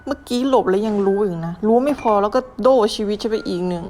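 A woman at a medium pitch narrates her mobile horror gameplay in a loose, chatty stream. She bursts into exclamations and curses, scolding the game as she goes. A faint noise sits behind her voice. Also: quick pace. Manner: excitable, swears and scolds the game; chatty running self-talk with sudden exclamations. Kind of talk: casual gameplay commentary.

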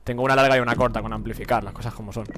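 A man's voice: medium pitch, fairly even intonation, rapid-fire, a bit bright, faint music behind, low-quality recording. A young man with a Spain Spanish accent, giving slangy, profane live gameplay commentary and laughing often. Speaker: gaming streamer.

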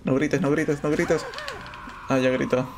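A man streaming a video game and commenting on it, excitable, often yelling and whining at the game. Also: a little high, unhurried, noisy background. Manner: excitable, yells and whines at the game. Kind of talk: gameplay commentary.

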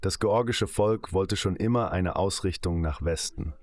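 Deep-voiced man dubbing an interview guest. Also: a little slow, darkish tone. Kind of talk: German voice-over of an interview.

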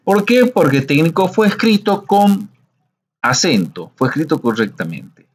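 Slow, patient man teaching. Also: a little high, big pitch swings. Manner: patient, slow, explains step by step, frequent "¿sí?" checks. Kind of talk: screencast coding lesson.

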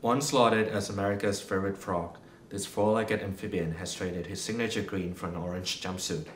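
A man's voice: steady tone, normal speed, lightly acted. A young man playing a solemn TV newsmagazine anchor, narrating a parody documentary with grave, melodramatic delivery. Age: young adult. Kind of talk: scripted mock news documentary narration. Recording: roomy sound with rumbling noise.

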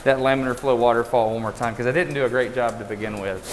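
A man's voice: medium pitch, fairly even intonation, fast, slight background noise. A man hosting a factory tour, eagerly asking questions and checking what he understands. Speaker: host. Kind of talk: casual chat on a tour.

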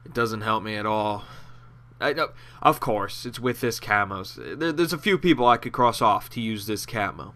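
A man's voice: fairly low pitch, expressive, normal speed, pushed and bright. A young man giving rambling, profane, sarcastic commentary over his gameplay, with a nasal voice. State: out of breath. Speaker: gaming commentator.

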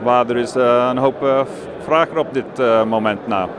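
At a busy indoor trade fair stand, a London-born company director in his forties, a native English speaker with an English accent, speaks haltingly on camera, searching for words as in a second language. His medium-pitched voice has fairly even intonation and goes into a handheld mic close below his chin, with crowd noise and the clear bustle of the exhibition hall behind him.

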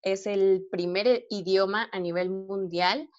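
A woman's voice: mid-range voice, fairly even intonation, slow pace, no room sound, highs cut off. Encouraging woman teaching. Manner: patient, encouraging explanations with frequent check-ins. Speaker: English teacher. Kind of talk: live online lesson.

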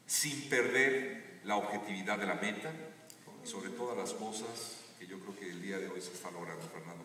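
Man, earnest motivational stage talk, lowish voice, distant theater recording, heavy echo. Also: bright, forceful tone, slight background noise. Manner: earnest, building to emphatic climaxes. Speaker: guest speaker on a live stage talk. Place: large theater stage with audience. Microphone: stage PA, recorded from the audience seats. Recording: echoey theater audio from far off.

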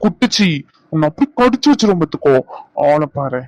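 A man's voice: on the high side, sing-song, brisk, a little mellow, dry recording, low-quality recording. A man voicing a teasing, bossy young husband in a cartoon, scolding in banter. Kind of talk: cartoon voice acting.

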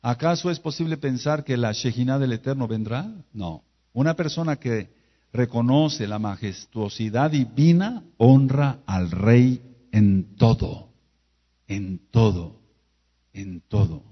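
A man's voice: medium pitch, takes it slowly. A man preaching a sermon, full of rhetorical questions and repeated phrases. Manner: emphatic, rhetorical questions and repetition. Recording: dull lo-fi video audio.

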